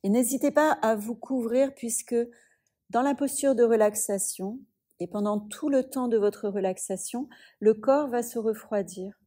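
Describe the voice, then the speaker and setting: A woman with a somewhat high voice guides a yoga nidra relaxation as a yoga teacher, her speech soft and soothing and broken by long pauses.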